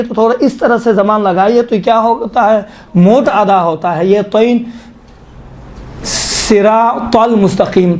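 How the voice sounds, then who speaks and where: A man with a Pakistani Urdu accent teaching Quran recitation, slowly demonstrating and repeating letter sounds. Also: high-pitched, darkish tone. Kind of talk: tajweed pronunciation lesson.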